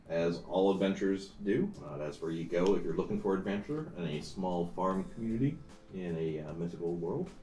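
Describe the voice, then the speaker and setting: A man's voice: deep voice, darkish tone. A man hosting and narrating as game master in a tabletop game, talking casually with jokes and many fillers. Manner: joking, filler-heavy. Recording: roomy room mic from far off.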